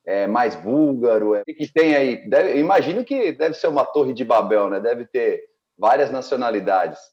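A man co-hosting an interview, joking around with slangy, animated questions. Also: medium pitch, normal speed, muffled recording. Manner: jokey, animated, slang-heavy. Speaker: co-host. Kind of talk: casual interview chat.

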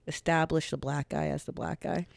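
A young woman co-hosting a podcast, talking in a chatty way, full of filler words and quick laughs. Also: deep voice, level tone, vocal fry, no room sound. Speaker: podcast co-host. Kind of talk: casual chat.

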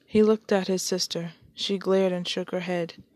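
A woman's voice: fairly low pitch, steady tone, normal speed, a little mellow, no room sound. A woman hosting her own podcast, chatting casually and then reading a story aloud. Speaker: podcast host and story reader. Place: shared home.

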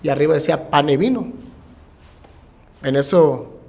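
A fairly high-voiced man with a Mexican Spanish accent talks as a podcast guest. He tells his stories in a casual, animated way and slips into other people's voices as he goes. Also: moderate pace, creaky. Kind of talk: casual storytelling interview.

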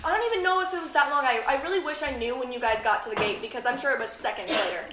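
A woman's voice: sits high, crowd noise. A woman in casual chat, retelling a bad experience with indignation. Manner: indignant, quick to back up the story. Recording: echoey room with people around.

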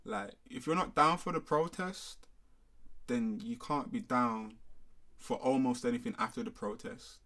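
A man's voice: mid-range voice, measured pace, fairly bright tone. A young man with a London roadman accent and street slang, making points emphatically in casual discussion and often checking he's understood. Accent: London, multicultural urban slang (roadman). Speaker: discussion panellist.

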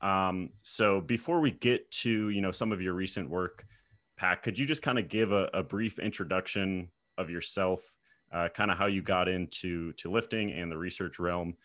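A man hosting a podcast, introducing his guest in a halting way with many fillers and repeated words. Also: deep voice, a bit bright, no room sound, clean studio sound. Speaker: podcast host. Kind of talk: interview introduction.

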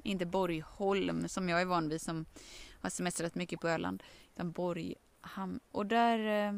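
A woman casually telling a story outdoors by a lake, animated, often acting out quotes and laughing. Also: fairly low pitch, gravelly. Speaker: vlogger.

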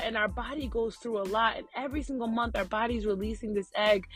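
An American woman chatting casually to her viewers from inside a car, earnest and encouraging, with slangy phrasing. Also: a little high. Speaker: vlogger.

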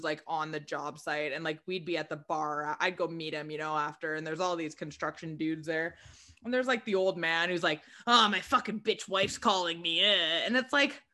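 A woman's voice: low voice, a bit bright. A woman co-hosting a casual chat, talking bluntly with lots of "like" and swearing freely. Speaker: podcast co-host.

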